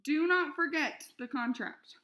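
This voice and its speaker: A woman reading as a stern mother calling up the stairs, slow, loud and insistent. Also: high voice, pitched above the performer's own voice. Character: divorced romance-writer mother, stern.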